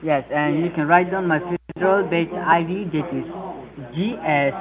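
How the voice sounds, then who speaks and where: A man posing as an officer on a phone call, spelling out names and numbers carefully. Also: a little high. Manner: spells out details slowly. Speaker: scam caller posing as an officer. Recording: tinny phone line with call-center crowd noise.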